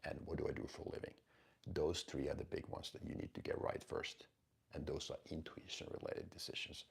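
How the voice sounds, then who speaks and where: Man, forties, extremely low, raspy, gravelly, blunt, live-stream host. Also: fairly even intonation, fairly quick. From Finland. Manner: direct, emphatic coaching tone, blunt with casual swearing. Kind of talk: casual live-stream talk answering chat questions.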